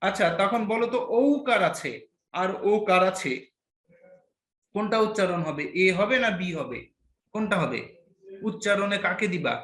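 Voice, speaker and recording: A young male teacher gives an online class. He quizzes his students and teases them playfully. His high, bright voice sounds in an echoey room. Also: expressive, moderate pace, pauses often. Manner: quizzes students and praises answers, playful teasing.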